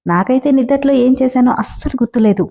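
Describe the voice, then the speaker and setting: Teasing young husband, feigning innocence, mellow, slightly raised pitch, read by a woman storyteller. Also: fast talker. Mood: feigned innocence.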